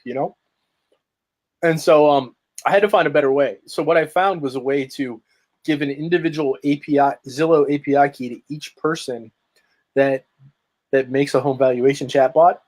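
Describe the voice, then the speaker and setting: On a video call, a podcast guest who works in marketing rambles through a story in relaxed conversation, ending sentences with "right?". He speaks with a higher-than-average voice and a darkish tone.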